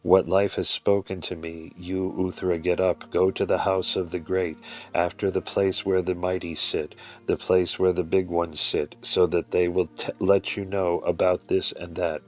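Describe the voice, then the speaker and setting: A man reading an old religious text aloud in a measured way, sometimes halting and restarting a line. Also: sits low, flat delivery, darkish tone. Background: faint music.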